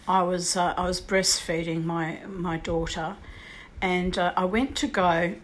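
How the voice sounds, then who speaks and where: A woman in her sixties telling a personal ghost story in a rambling way, full of "you know" and "like", now and then clearing her throat. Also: fairly low pitch.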